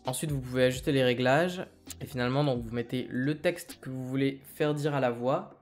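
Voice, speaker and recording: A French-speaking man hosting a software tutorial, explaining each step calmly and reassuringly. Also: medium pitch, a little fast, soft background music. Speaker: tech tutorial host. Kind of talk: screen-recorded tutorial.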